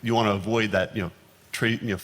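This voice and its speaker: A teacher on a panel, speaking haltingly with many restarts and fillers. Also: male voice, fairly low pitch, steady tone, fairly bright tone, big-room sound. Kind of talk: panel discussion.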